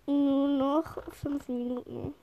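A woman chatting excitedly while playing a game with friends, giggling often, with a slight cold. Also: sits high, slow pace. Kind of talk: casual gameplay chat.

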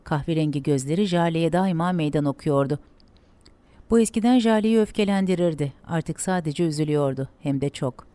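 A woman reading a dramatic story aloud in a steady, measured way. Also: sits low, no echo.

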